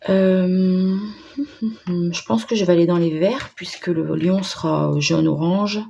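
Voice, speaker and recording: A woman narrating a craft tutorial in a casual, hesitant way, pausing often with fillers. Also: lowish voice, steady tone, creaky, dark tone, lo-fi sound, a little hiss or hum. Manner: hesitant, many pauses and fillers, self-deprecating. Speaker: crafting vlogger.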